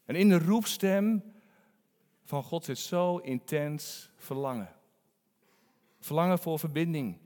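A man preaching a sermon in a conversational, animated storytelling manner. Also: a little high, takes it slowly, long pauses, in a large hall.

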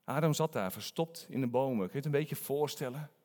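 A man preaching a sermon in a conversational, animated storytelling manner. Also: medium pitch, a little fast, long reverb tail.

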